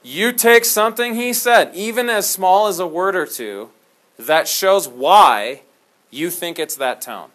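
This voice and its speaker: Animated, jokey male teacher in a classroom. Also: high voice, measured pace. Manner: animated, jokey, dramatic storyteller. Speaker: history teacher. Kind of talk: classroom lecture.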